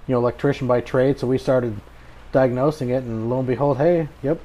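Mellow, folksy American man hosting. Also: mid-range voice, fairly even intonation, brisk, lo-fi sound. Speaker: podcast host. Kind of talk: casual motorcycle podcast chat.

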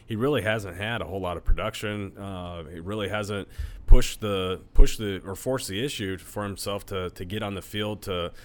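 A low-pitched American man offers conversational sports analysis. He speaks as a panelist on a talk show. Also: normal speed.

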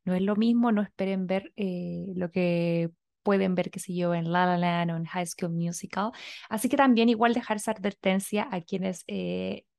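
A woman with a Chilean accent co-hosting a casual film chat, relaxed and thoughtful with everyday slang. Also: lowish voice, normal speed, creaky. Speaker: podcast co-host.

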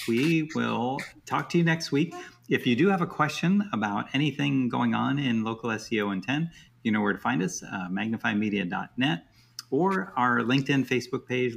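A man co-hosting a podcast in an easygoing, joking way, wrapping up the episode with a gravelly, husky voice. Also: medium pitch, a bit bright. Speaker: podcast co-host. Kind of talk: casual podcast chat and sign-off.

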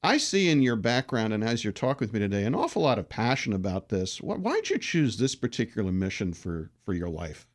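Animated male interview host. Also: on the low side, fairly quick, hardly any pauses. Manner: lively, personal anecdotes, leading questions. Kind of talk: conversational interview.

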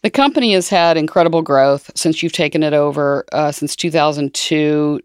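A woman's voice: low-pitched, moderate pace, darkish tone, clear, resonant tone, dry recording. Interviewer, woman in her 60s; reflective and conversational, dry recording. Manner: reflective, relating her own experience.

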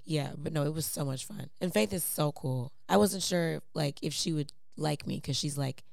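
A woman speaks in a lowish, gravelly voice that is clearly hoarse and raspy. She chats casually and playfully, using plenty of slang as she tells stories. The sound is close and dry. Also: moderate pace, darkish tone, no echo. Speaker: performer, singer and dancer. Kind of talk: casual chat, animated storytelling.

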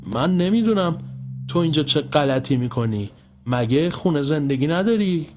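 A man's voice: on the high side, lively intonation, soft background music, voice pushed up, close to an everyday voice. A man voicing a bossy, rude boy who acts as the leader of the group and barks orders with scorn. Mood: defiant. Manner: loud, scornful, bossing others.

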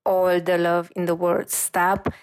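A woman's voice: fairly low pitch, flat delivery, unhurried. A woman reiki master giving an intuitive reading on a podcast, speaking earnestly and reassuringly. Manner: earnest, warm reassurance, gentle and reflective.

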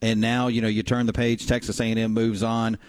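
A man's voice: fairly low pitch, completely flat delivery, a little fast, darkish tone, clean tone, dry recording. A man hosting conversational sports talk on radio, close on a studio microphone. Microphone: dry studio microphone.

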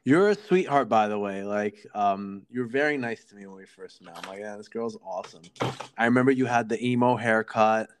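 Male podcast host, fairly low pitch, casual interview chat, blunt informal language with hype-man phrasing. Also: fairly quick, hardly any pauses, noisy background.

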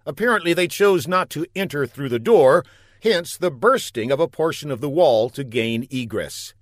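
A man's voice: fairly high pitch, lively intonation, normal speed, dry recording, clean studio sound. Man narrating a mock-heroic comic story. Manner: mock-dramatic storytelling with punchy emphasis.

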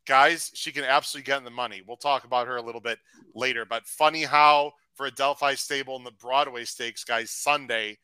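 A man hosting a live racing podcast, chatty and upbeat, reading out shout-outs to viewers. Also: mid-range voice, fairly even intonation, brisk, smooth, no room sound, poor audio. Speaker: podcast host. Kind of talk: casual live-stream chat.

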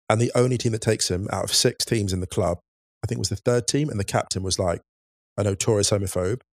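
Low-voiced man in reflective podcast chat. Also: no echo, studio quality. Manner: earnest and reflective, breaking into big laughs. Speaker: podcast co-host.

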